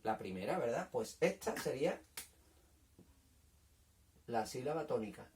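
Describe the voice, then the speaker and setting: A man teaching a children's lesson in a patient, repetitive way, checking understanding often and sounding out syllables slowly. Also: mid-range voice, very animated, a little mellow, recorded from a distance. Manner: patient, repeats points, checks with "¿vale?". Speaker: primary school teacher. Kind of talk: recorded language lesson for children.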